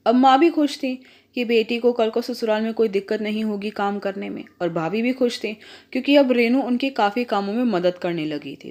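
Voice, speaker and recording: A woman hosting her channel and reading a family story aloud in plain, steady narration. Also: on the high side.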